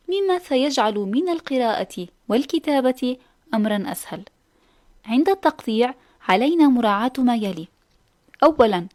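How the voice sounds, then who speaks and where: A woman hosting a scripted children's lesson, speaking clearly and encouragingly. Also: fairly high pitch, darkish tone. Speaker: teacher host.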